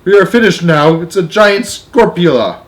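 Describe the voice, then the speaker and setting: Panicky male fire department head, storybook style, high and yelling man reading all parts. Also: normal speed, natural voice. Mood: despairing.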